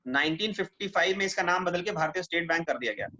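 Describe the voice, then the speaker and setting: A man teaching at a defence exam coaching class talks fast in a high, bright, pushed and animated voice. He runs the lesson as a conversational back-and-forth of questions and answers, often checking that students are following. The classroom recording is muffled, with background noise.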